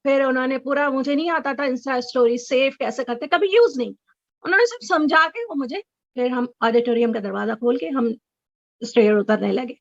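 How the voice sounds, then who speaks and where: A middle-aged woman telling an excited story as an interview guest on a video call, sometimes breaking into high squeals. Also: normal speed, vocal fry, no echo. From Chicago resident. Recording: dull, dry video call audio.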